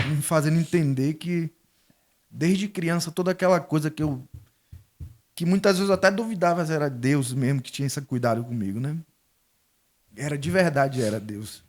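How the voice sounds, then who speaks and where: A man's voice: fairly high pitch, a little mellow. Middle-aged man giving a testimony. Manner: storytelling, acting out quoted dialogue. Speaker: guest. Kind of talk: emotional faith testimony.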